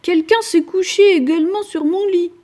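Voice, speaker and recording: A woman's voice: very high-pitched, normal speed, dark tone, voice pushed up. A woman voicing the middle-sized bear in a storybook reading, exclaiming indignantly.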